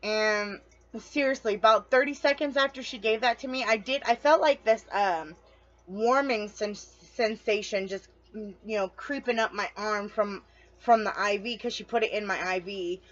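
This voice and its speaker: A woman vlogger with a medium-pitched voice tells her story to camera at a moderate pace, and the sound is lo-fi. She's chatty and rambling, loses her train of thought, and talks straight to her viewers.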